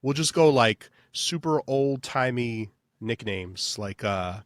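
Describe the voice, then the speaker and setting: A man's voice: medium pitch, lively intonation, takes it slowly, no room sound, studio quality. A man co-hosting a sports betting podcast in loose, casual chat full of fillers. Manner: loose, filler-heavy, says "baby". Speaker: podcast co-host.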